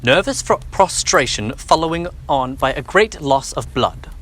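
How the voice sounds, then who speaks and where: A young man in a radio drama playing a sceptical, proper doctor, with a slightly husky voice and a formal, protesting manner. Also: on the high side, lively intonation, measured pace, fairly bright tone. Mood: disbelieving. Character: sceptical, proper male doctor urging calm. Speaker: actor in a school radio drama. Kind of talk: theatrical radio drama acting.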